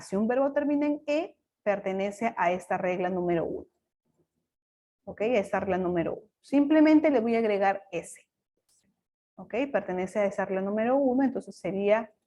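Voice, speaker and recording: A woman's voice: medium pitch, expressive, normal speed, darkish tone. A woman teacher, patiently explaining grammar rules step by step in a recorded lesson. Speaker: English teacher.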